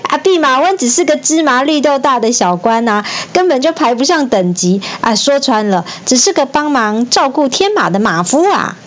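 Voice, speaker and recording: A woman's voice: high-pitched, very animated, moderate pace, hardly any pauses, pitched above the performer's own voice. A woman voicing amused heavenly stable hands who mock in a teasing way. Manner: mocking, amused.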